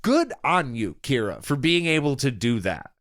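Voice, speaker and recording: A man's voice: medium pitch, normal speed, no echo, studio quality. A young man co-hosting a podcast, chatting casually, laughing often and reading out a listener email. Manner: laughing, animated storyteller. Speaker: podcast co-host.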